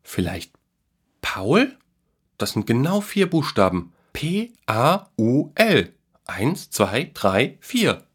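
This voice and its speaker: A man voicing a curious, excited young boy who spells words out slowly. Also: medium pitch, husky, voice pushed up, full character voice. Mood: guessing eagerly.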